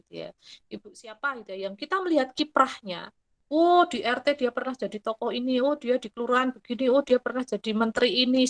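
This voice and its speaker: A middle-aged woman explaining ideas in casual talk, animated and mixing in quick acted quotes. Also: a little high. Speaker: guest speaker.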